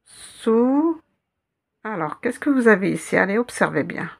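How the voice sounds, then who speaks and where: A woman's voice: medium pitch, expressive, fast, gravelly, husky. A woman teaching a reading lesson, patiently spelling out letters and repeating each word several times. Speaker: Arabic teacher.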